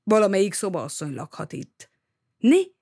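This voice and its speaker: An audiobook reader reading a novel aloud in a lively, expressive way. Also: medium pitch, creaky, dry recording, clean studio sound.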